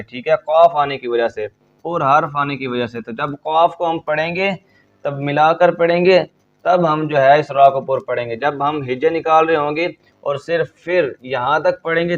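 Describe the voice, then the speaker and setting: A man teaching a Quran reading lesson, rattling off quick explanations and then spelling out letters and syllables slowly and loudly. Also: a little high. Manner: quick explanations between slow, loud, drawn-out spelling drills. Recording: dull lo-fi recording.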